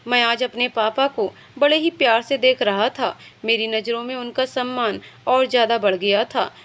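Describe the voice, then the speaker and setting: A woman reading an emotional story aloud as its storyteller, narrating in the first person with steady, emotive delivery. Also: on the high side, normal speed.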